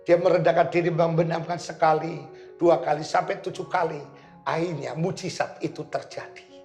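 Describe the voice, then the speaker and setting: High-voiced pastor preaching. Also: male voice, normal speed, gravelly. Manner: animated storytelling, acting out voices. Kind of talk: sermon. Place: church. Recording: echoey church with faint music.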